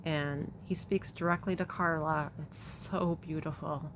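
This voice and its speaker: A middle-aged woman with a low voice reads a prophetic message aloud with deep reverence. She speaks slowly and earnestly in a soft, sincere way, like a devotional host talking to her viewers. A faint hiss of ambient noise sits behind her. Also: fairly even intonation. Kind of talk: reading a prophecy aloud and discussing it.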